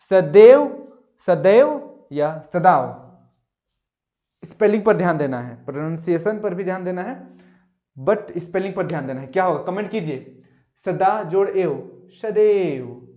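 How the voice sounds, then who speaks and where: A man's voice: fairly high pitch, darkish tone, echoey room. A man teaching an exam-prep lesson, going through quiz answers, urging viewers to comment and slipping English phrases into his talk. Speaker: exam tutor. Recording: dull lo-fi audio.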